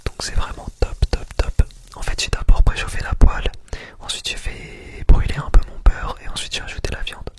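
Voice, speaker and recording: Man whispering ASMR right in the ear. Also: moderate pace. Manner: repeats words and phrases for emphasis. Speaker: ASMR food video host.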